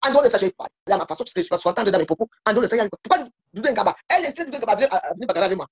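A woman's voice: medium pitch, expressive, racing, slightly rough, no room sound, dull audio. A woman guest on a live stream, complaining in a heated, repetitive way. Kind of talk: casual live-stream chat.

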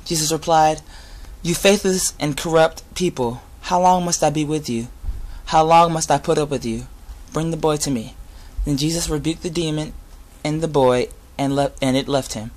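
A young adult man giving an informal sermon with Bible readings, speaking earnestly and a little haltingly. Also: on the high side, fairly even intonation, darkish tone, poor audio. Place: inside a garage. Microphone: device camera at close range.

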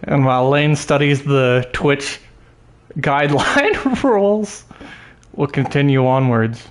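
A man's voice: medium pitch, expressive, slow. A man streaming a video game live, chatting casually and rambling between moves.

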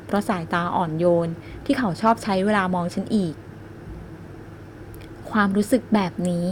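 A woman reading a first-person romance novel aloud in a gentle, even storytelling voice. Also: medium pitch, moderate pace, slight background noise. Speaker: audiobook narrator.

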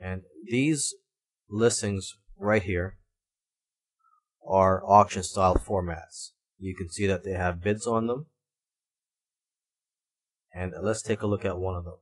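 Low-pitched man giving a halting tutorial. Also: steady tone, breathy edge. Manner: halting, repeats words and restarts phrases often. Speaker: online tutorial instructor. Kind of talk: screencast tutorial narration, explanatory. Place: voice-over recorded for a screen recording.

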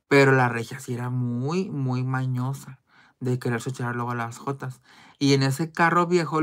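Chatty woman telling gossip. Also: rumbling low. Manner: chatty, candid, crude slang, many fillers. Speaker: vlogger. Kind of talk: casual gossip storytelling.

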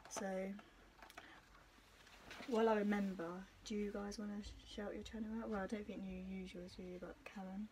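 A woman's voice: medium pitch, flat delivery, normal speed, a little mellow, a little hiss or hum, low-quality recording. A young British woman hosting a challenge video, chatting casually and giggly with friends in front of a camera. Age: young adult. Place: small domestic room, indoors.

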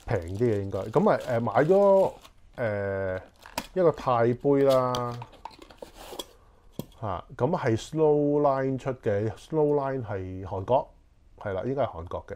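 Here a forties-aged man speaking with a Hong Kong Cantonese accent unpacks camping gear, musing aloud in relaxed chat peppered with fillers. His voice sits mid-range with a darkish tone, captured by a clip-on lapel mic in a small living room with slight background noise.

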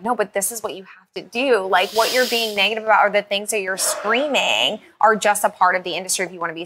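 Bright-voiced woman hosting a podcast. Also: medium pitch, slight background noise. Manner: chatty, affirming, many fillers. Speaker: podcast host. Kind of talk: casual interview chat.

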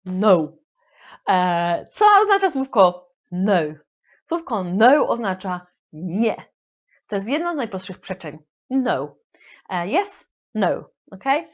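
A woman's voice: medium pitch, very animated, slow pace, highs cut off. A woman teaching English vocabulary in a playful, affectionate manner, with frequent hesitation fillers. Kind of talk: lively language lesson.

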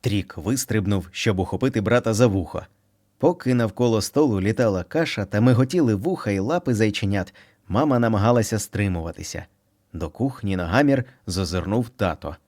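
Man, storyteller, children's book narration, playful, low voice. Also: a little fast. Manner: expressive, playful reading.

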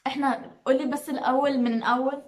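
A young adult woman chats casually in a guessing game, loudly repeating words back. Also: sits high, fairly even intonation, rapid-fire. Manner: loud, repeating words back while wearing headphones. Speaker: player in a word-guessing challenge. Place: small plain room indoors, seated in an armchair.

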